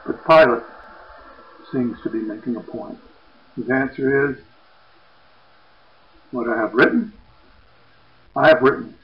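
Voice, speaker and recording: Slow, dramatic male preacher, echoey sound. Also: medium pitch, highs cut off. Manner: slow, dramatic retelling, lively quoted voices. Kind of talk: sermon narration of scripture.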